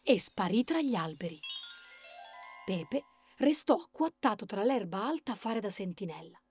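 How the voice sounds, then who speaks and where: Narratrice vivace di favole per bambini. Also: female voice, medium pitch, moderate pace, soft background music. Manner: lively, voices the characters. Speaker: storyteller for children. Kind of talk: expressive storybook reading.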